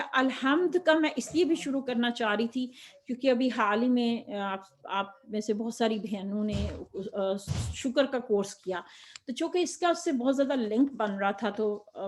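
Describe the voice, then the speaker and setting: A woman's voice: a little high, a little mellow. A woman giving a religious lecture to other women, explaining step by step with rhetorical questions and slipping in English words. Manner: mixes Urdu with English words. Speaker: Quran teacher.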